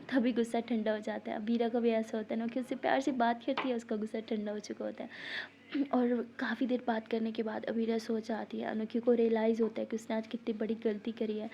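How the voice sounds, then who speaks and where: A woman's voice: a little high, dark tone, a little hiss or hum. A woman telling a love story in a casual, chatty way, often speaking straight to the listeners. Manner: chatty, addresses listeners directly. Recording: dull lo-fi sound.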